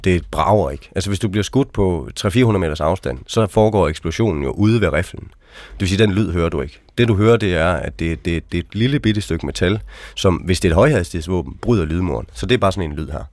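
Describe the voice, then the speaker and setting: A man with a very deep, low voice tells his experiences as an interview guest. He talks frankly and casually, often ending sentences with questioning asides. The sound is dry and close. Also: animated, a little mellow, dry recording. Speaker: interview guest, army veteran. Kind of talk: casual storytelling.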